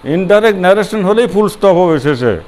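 A man's voice: high-pitched, animated, fairly quick, a little mellow. An older man, a former college principal, giving a grammar lecture to students, stressing words, repeating them and sounding them out syllable by syllable. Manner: emphatic, repeats key words, breaks words into syllables; asks students questions and answers them himself. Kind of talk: classroom lecture.

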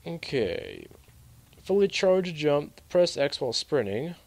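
A young man giving live let's play commentary, sarcastic and rambling, reacting loudly to glitches. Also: a little high, wildly swooping pitch, slow pace, creaky, no echo. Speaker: gaming commentator.

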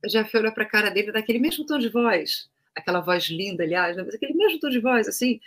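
A woman's voice: medium pitch, expressive, quick pace. A woman with a Brazilian Portuguese accent, an opera-trained singer, telling anecdotes in a casual interview and acting out the voices of the people she quotes.

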